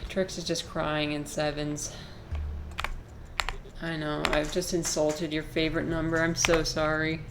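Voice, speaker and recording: Speaking low with little pitch movement, a twenty-something woman livestreams a video game and chats loosely with viewers, rambling, swearing, and answering chat comments. She's unhurried and pauses often, and the background is noisy.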